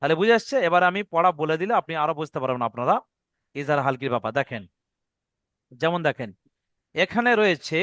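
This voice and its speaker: Man, tajweed teacher, high voice, patient and repetitive, dry close sound. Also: lively intonation, fast talker, long pauses, fairly bright tone, no room sound. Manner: patient, repeats rules and asks if students follow. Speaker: Quran recitation teacher. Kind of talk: online tajweed lesson.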